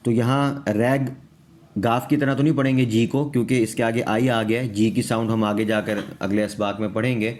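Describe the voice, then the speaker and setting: A man's voice: medium pitch, steady tone, a little mellow. A man with a Pakistani accent teaching English pronunciation in Urdu, patiently repeating each word and checking in with his students.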